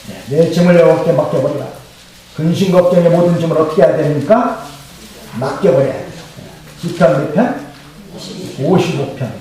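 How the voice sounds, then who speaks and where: A man's voice: a little high, normal speed, pauses often, warm tone. A male pastor preaching a sermon who keeps asking the congregation questions and having them repeat the answers. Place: church sanctuary. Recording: very echoey hall, mic far off.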